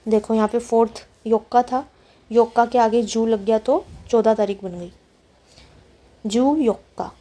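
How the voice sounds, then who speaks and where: Woman teacher going through vocab real slow, mellow voice, repeats every word. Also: a little high. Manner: repeats words slowly and explains them patiently. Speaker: language teacher. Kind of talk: slow, careful vocabulary lesson.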